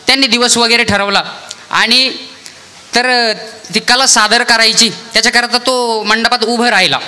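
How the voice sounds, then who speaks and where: A man's voice: sits high, sharp tone. A young man preaching a devotional sermon, telling a parable and acting out the lines of each person in the story, with calls to the deity between passages. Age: young adult. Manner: tells a parable and acts out each speaker's lines. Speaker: kirtan preacher.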